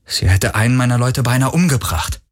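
A man's voice: lively intonation, a little fast, natural voice. A man reading an earnest grieving young hero. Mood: agitated. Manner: earnest and emotional, rising pitch. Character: young man, grieving but determined friend.

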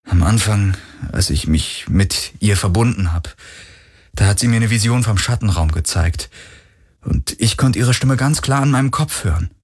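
A man's voice: lively intonation, moderate pace, breathy edge. A man reading an earnest grieving young hero. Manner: earnest and emotional, rising pitch. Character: young man, grieving but determined friend.

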